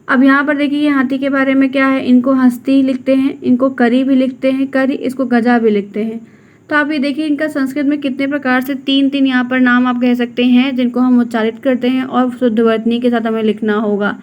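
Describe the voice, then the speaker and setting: High-pitched lady teacher doing exam prep, repeats words, keeps telling you to remember. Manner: repeats key words, reassuring reminders.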